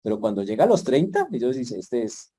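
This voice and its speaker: A man's voice: medium pitch, wildly swooping pitch, fast talker, warm tone, husky. A man preaching a sermon in a conversational way, with playful asides. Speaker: pastor.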